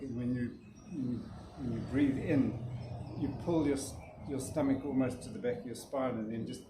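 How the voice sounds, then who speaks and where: A man casually demonstrating a breathing exercise, often restarting his sentences and yawning. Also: mid-range voice. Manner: rambling, restarts sentences, yawns. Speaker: breathwork teacher. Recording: roomy echo with faint noise.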